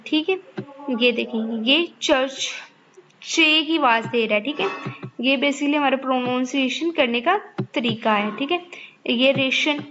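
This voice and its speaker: A woman's voice: high-pitched, fairly bright tone, slight background noise. Woman teacher, lo-fi lecture. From Pakistan. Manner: keeps checking in with the class, repeats points patiently. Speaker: online course teacher. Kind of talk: explanatory lecture to students.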